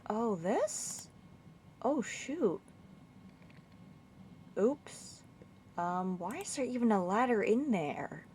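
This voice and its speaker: A woman's voice: fairly high pitch, big pitch swings, very slow, long pauses, a little mellow, a little hiss or hum. A woman playing through a game walkthrough, thinking aloud and muttering confused questions as she goes. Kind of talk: casual gameplay commentary.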